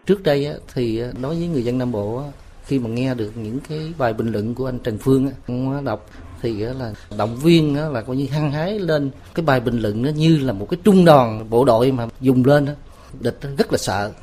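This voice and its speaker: A man's voice: medium pitch, a little fast, warm tone. A man with a southern Vietnamese accent giving a casual recollection, trailing phrases with colloquial particles. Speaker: interviewee paying tribute. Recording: background ambient noise.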